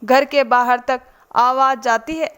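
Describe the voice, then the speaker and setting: A woman's voice: high voice, fairly even intonation, a little slow, fairly bright tone, clear, resonant tone. A woman voicing a stern, scolding older mother-in-law in a spoken storybook. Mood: angry scolding. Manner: scolding, commanding.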